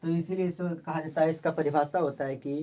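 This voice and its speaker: A man talks through a grammar lesson in a casual classroom way. He points at the board and goes over each definition slowly, repeating it several times so it sinks in. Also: on the high side, steady tone, mellow. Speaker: teacher.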